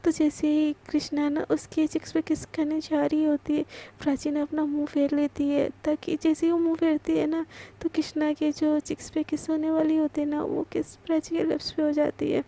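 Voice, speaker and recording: A woman telling a love story in a relaxed, chatty manner. Her voice is high and mellow, with a fairly flat melody. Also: normal speed. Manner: conversational, fillers like "ना". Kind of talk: casual story narration.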